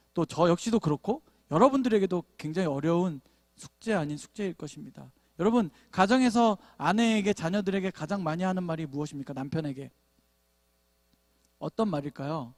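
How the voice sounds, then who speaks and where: A male pastor delivers a sermon in an animated, storytelling way, teasing his congregation now and then. His voice sits high and swings widely in pitch. The sound is dry and close, with little room echo. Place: church sanctuary.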